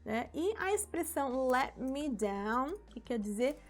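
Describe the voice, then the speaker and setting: Brazilian woman teaching English slowly. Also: sits high, big pitch swings, soft background music. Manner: patient, stretching English words slowly when modeling them. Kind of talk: English lesson using song lyrics.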